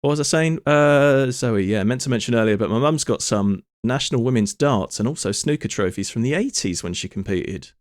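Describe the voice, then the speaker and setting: A man's voice: mid-range voice, animated, brisk, few pauses, no echo, clean studio sound. A man streaming live, rambling through joking asides as he watches a clip. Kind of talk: casual live-stream commentary.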